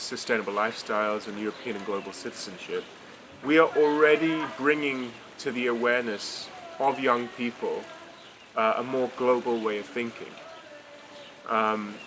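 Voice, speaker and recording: A man in his late twenties from England, answering interview questions in a measured, articulate way. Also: mid-range voice, noisy background. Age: 20s. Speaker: summit participant.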